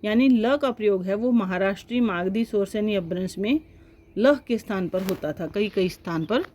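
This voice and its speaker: A woman teaching a lecture to exam students, explaining step by step and often pausing to check with her listeners. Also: medium pitch, darkish tone.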